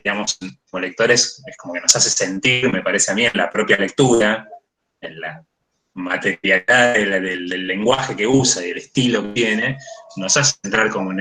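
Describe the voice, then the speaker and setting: A low-voiced man talks through ideas as a panelist on a video call. His tone is bright and forward despite the depth, and he works his way through points with pauses and restarts. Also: low-quality recording. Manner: thoughtful, hesitant, many fillers and restarts. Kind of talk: academic discussion.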